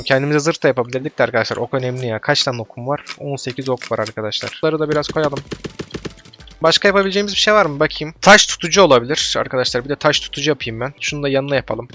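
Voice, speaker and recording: A man doing casual gameplay commentary, talking straight to his viewers and getting loud and excited, swearing at enemies. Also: medium pitch, noisy background. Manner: talks straight to viewers as "arkadaşlar". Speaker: let's play gamer.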